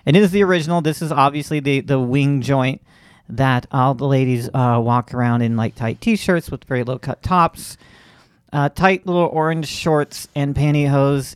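A man's voice: mid-range voice, clean tone, no echo, studio quality. A man from Central Florida hosting a comedy podcast in a chatty, wry way, with many restarts. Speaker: podcast host.

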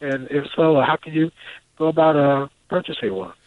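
A man's voice: on the high side, expressive, dry recording. Male radio caller, phone-line sound, hesitant delivery, dry and close. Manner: halting, hesitant with many fillers.

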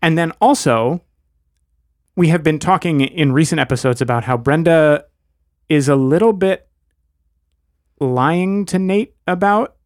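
A man's voice: on the high side, measured pace, long pauses, dry recording, studio quality. A man co-hosting a podcast, talking through a TV episode in a thoughtful, analytical, wordy way. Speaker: podcast co-host. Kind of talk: casual chat.

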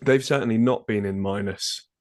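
A man's voice: on the low side, moderate pace. A man hosting a casual football podcast, his voice nasal and congested from a cold. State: ill with a cold. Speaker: podcast host.

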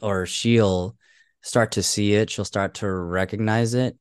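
A man's voice: lowish voice, steady tone, measured pace, smooth, dry recording, clean studio sound. Laid-back man co-hosting a chat. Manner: easygoing, agrees often, acts out quotes with laughs. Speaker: podcast co-host. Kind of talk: casual chat.

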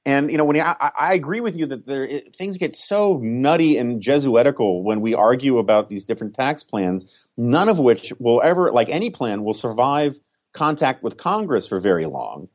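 A man's voice: medium pitch, lively intonation. A man co-hosting a podcast, talking politics in a wry, argumentative way and teasing his co-hosts. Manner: wry, argumentative, quick to tease. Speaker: podcast co-host. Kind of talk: casual political chat.

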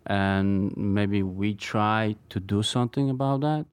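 A man from Poland with a Polish accent, a knife maker speaking hesitantly with many pauses in a studio interview. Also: lowish voice, clear, resonant tone. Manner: hesitant, halting, many ums.

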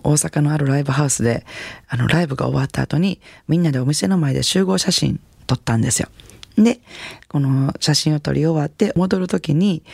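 Female radio host with a Kansai accent: gravelly, husky voice, dry close studio sound, chatty and self-mocking. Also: low-pitched, darkish tone, no room sound. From Kansai region of Japan. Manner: chatty, self-mocking storytelling with frequent fillers. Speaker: radio host and jazz singer. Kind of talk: casual radio talk. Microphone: studio microphone.

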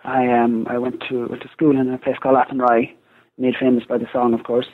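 A man with a west of Ireland accent speaks as an interview guest, laying out his research in explanatory fashion. His delivery is quick and medium-pitched. The sound is a little narrow and dull, like a radio line. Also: level tone. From Galway, west of Ireland.

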